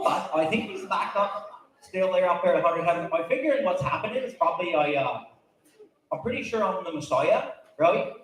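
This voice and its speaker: Man doing a high-pitched Vermont hunter in an echoey hall. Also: a bit bright. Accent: thick Vermont. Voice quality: thickly mumbled, hard to understand. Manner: rambling, folksy, repetitive. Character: folksy old Vermont hunter back from heaven. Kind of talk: comic live sketch.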